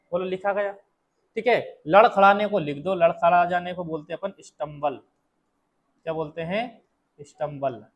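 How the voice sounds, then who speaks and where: Quizzing his students as he goes, a Hindi-accented man teaches English in a classroom, slow and repetitive. His voice is high-pitched, and the recording is rough.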